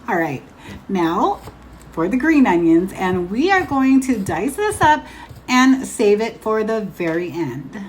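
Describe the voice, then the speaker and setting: A woman's voice: medium pitch, a little hiss or hum, rough recording. A woman from Guam hosting a home cooking show, narrating a recipe in a chatty, instructional way and speaking straight to viewers.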